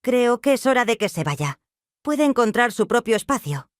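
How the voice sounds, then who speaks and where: A narrator voicing a cold, controlling stepfather who gives curt orders in a calm tone. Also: very high-pitched, moderate pace, dry recording, clean studio sound, pitched above the performer's own voice.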